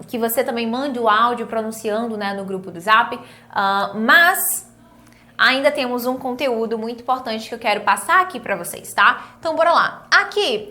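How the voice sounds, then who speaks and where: Teaching English online, this young Brazilian Portuguese-accented woman repeats words at a slow pace for students to practice. She sounds a little high, bright, and forceful.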